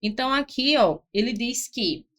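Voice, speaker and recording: A woman's voice: fairly high pitch, lively intonation, normal speed, fairly bright tone. A woman teaching an exam-prep grammar lesson, spelling out syllables and checking in with "certo?". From Brazil.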